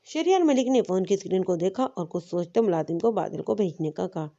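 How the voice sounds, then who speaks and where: A woman narrating a romance novel in a steady, even reading voice. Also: fairly low pitch. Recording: muffled lo-fi audio.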